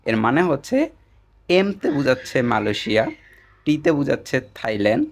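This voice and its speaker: A man teaching short general-knowledge and exam tips, explaining step by step and quizzing with quick answers. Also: medium pitch, very animated.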